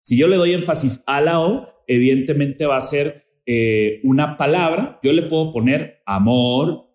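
A man's voice: on the high side, a little slow, darkish tone, reverberant. A man appearing as a podcast guest, talking casually about spirituality and often searching for words as he goes.

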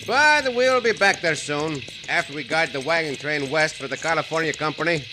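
A man's voice: fairly high pitch, animated, moderate pace, music in the background, close to an everyday voice. A man playing a gallant, confident Mexican cowboy hero, courteous and commanding, in an old-time Western drama. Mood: friendly, steady.

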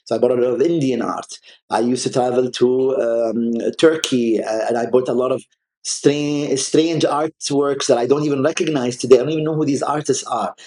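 A man whose first language is Arabic appears as an art collector guest in a conversational interview, speaking hesitantly with many restarts and fillers. His voice is medium-pitched, with fairly even intonation, a moderate pace and a darkish tone.

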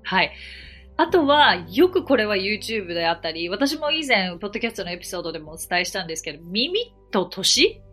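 Woman podcast teacher, very animated pitch, drills words with exaggerated repeats. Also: brisk, slightly rough, soft background music. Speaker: English teacher hosting a podcast. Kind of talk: podcast lesson on English pronunciation.

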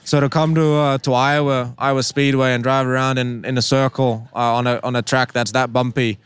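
A young Danish racing driver, whose first language is Danish, answers interview questions haltingly with many ums and repeated words. His medium-pitched voice is flat, with slight background noise.

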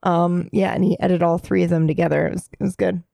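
A woman co-hosting a casual podcast, rambling happily and breaking into laughter as she talks. Her voice carries a gravelly, fry-touched edge. The sound is dry and close, with no room around it. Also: lowish voice, level tone, fast, mellow, no room sound. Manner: giggly, rambling, laughs a lot. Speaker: podcast co-host. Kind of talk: casual chat.

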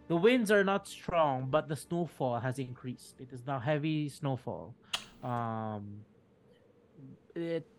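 A man narrating a tabletop game as dungeon master, halting and restarting mid-sentence. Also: on the high side, a little mellow. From Philippines.

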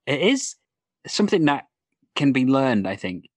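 A man's voice: medium pitch, sing-song, a little slow, no room sound. A man hosting a casual interview, chatting and asking questions. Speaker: interview host, improviser.

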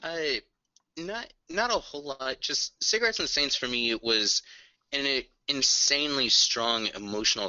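A man's voice: mid-range voice, pushed and bright, no room sound, dull audio. A man co-hosting a podcast, telling an enthusiastic, earnest story in casual music chat. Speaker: podcast co-host.

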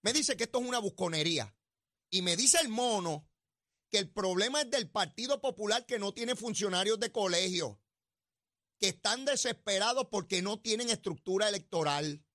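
A middle-aged man with a Puerto Rican accent hosting an opinionated political talk show in a mocking, animated way. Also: sits high, normal speed, no room sound, studio quality. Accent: Puerto Rican Spanish. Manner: animated, mocking, drops into comic voices. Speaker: radio and TV show host.

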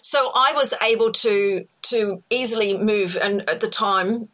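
Speaking at a measured pace, a middle-aged woman with an Australian accent talks informally as a podcast guest, frequently saying um and starting over. She's an expert in colour psychology, and her medium-pitched voice has a fairly bright tone.

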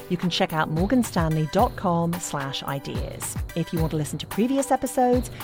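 A woman hosting a podcast, reading a scripted narration in a measured, clear way. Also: fairly low pitch. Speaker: podcast host.

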